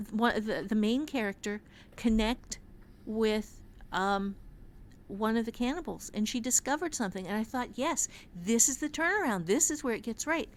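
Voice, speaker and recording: A woman who is an author and writing teacher talks casually on a podcast, telling her story in a halting, reflective way. Her voice is a little high.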